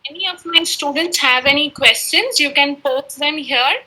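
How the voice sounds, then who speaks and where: Speaking at a moderate pace, an Urdu-speaking woman moderates a webinar with a high, bright voice. Her tone is courteous and deferential throughout, and she politely calls the speaker "sir" in formal fashion.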